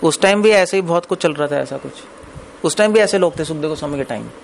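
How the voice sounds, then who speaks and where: Male preacher, slightly raised pitch, chatty lecture tone that keeps asking the room questions, faint hiss behind. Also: quick pace, gravelly. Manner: conversational, asks the audience questions; mixes English phrases into Hindi. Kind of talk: Hindi scripture discourse.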